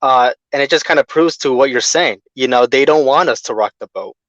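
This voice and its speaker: A man's voice: medium pitch, fairly quick, a bit bright, no room sound. A man on a video call that keeps breaking up, joining a casual group discussion and building on what others say. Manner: agreeable, builds on others' points. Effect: video call audio that breaks up. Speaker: panel guest. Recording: dull, dry video call audio.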